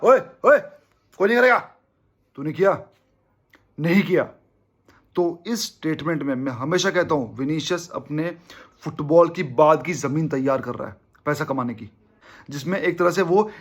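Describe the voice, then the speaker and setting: A man's voice: sits high, fairly bright tone. A young man from India hosting a football fan channel, giving an emphatic casual opinion monologue to his viewers and constantly calling them brother.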